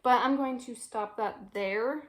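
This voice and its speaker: A young woman vlogging from her bed, chatty and giggly as she works things out aloud. Her voice sits a little high, and she often breaks into small laughs between thoughts. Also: measured pace. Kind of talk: casual chat. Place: bedroom.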